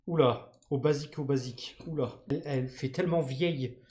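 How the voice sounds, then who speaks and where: A man from France commentates his game live for his viewers. He talks in a loose, slangy, teasing way at an ordinary middle pitch. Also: a little fast, darkish tone. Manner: slangy, joking banter with chat. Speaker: streamer. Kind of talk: live-stream gaming commentary.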